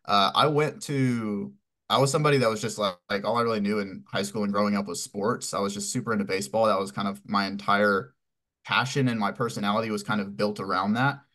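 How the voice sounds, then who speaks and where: A young man in his twenties, from Texas, tells his own story as a podcast guest. His voice sits a bit low, and he rambles from one thought to the next with plenty of fillers. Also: steady tone, quick pace, fairly bright tone. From Houston, Texas. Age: 20s. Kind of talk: casual interview answers.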